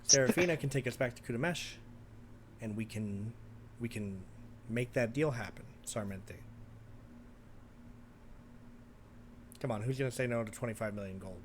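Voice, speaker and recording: A man's voice: medium pitch, a little fast, slight background noise, close to an everyday voice. A man voicing a small, breezy woman bounty hunter in tabletop role-play, coaxing and cajoling. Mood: coaxing, upbeat.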